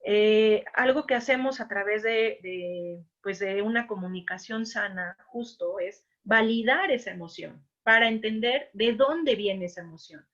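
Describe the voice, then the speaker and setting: A woman's voice: mid-range voice, fairly bright tone. A woman giving an informal talk to parents, conversational, often adding "no?" to her sentences. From Mexico. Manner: conversational, frequent "¿no?" and "o sea"; slips into quick acted quotes of parents. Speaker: parenting workshop speaker. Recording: dull lo-fi sound.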